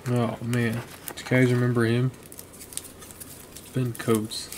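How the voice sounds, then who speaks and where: In a slow, monotone, slightly mellow mid-range voice, a card collector vlogger casually narrates while going through a box of collectibles at his home desk, muttering names as he flips cards. The low-quality recording has a little hiss or hum.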